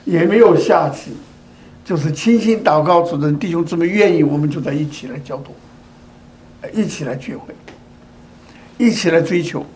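A man's voice: fairly high pitch, normal speed, pauses often, darkish tone. An older man giving a sermon, speaking in repeated phrases and asking rhetorical questions such as whether the listeners agree. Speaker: preacher. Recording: echoey room.

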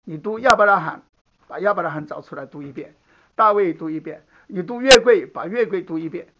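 A man's voice: sits high, fairly quick, very noisy. A man preaching a Bible sermon, teaching conversationally and often checking in with the listeners. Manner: conversational teaching, asks the room "好不好". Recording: dull lo-fi recording.

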